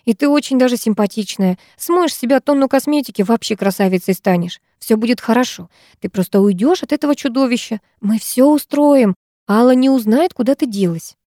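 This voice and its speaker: A woman narrator voicing a practical sister-in-law who speaks quickly and reassuringly. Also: on the high side, mellow, dry recording, studio quality, voice pushed up, lightly acted. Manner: quick, reassuring, matter-of-fact. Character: brisk, practical sister-in-law, soothing but firm.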